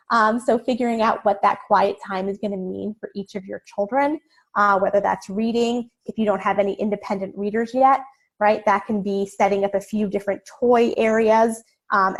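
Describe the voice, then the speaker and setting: Calm, reassuring woman psychologist. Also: medium pitch. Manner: calm and reassuring, with frequent "um" and "right?". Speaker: child psychologist giving a parenting webinar. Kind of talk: informal webinar talk.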